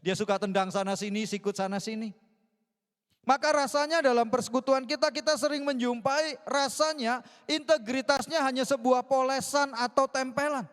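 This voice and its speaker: A young man with a high voice preaches a lively sermon, mixing jokes with questions he puts to the congregation. His voice rings through a church hall with a long echo. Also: normal speed, smooth. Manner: joking, asks the congregation questions. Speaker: youth mentor and preacher.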